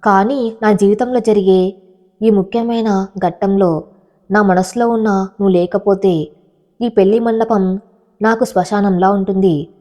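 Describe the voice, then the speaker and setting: A woman's voice: mid-range voice, fairly even intonation, measured pace, mellow, close to an everyday voice. A woman voicing a heartbroken young bride in a storybook reading, speaking in a pleading, tearful way.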